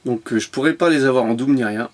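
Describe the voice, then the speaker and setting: Talking fast in a mid-range voice, this man enthusiastically presents his toy car collection to the camera as casual unboxing commentary. He leans on many fillers and repeats words often, and the sound comes from a camera mic at home.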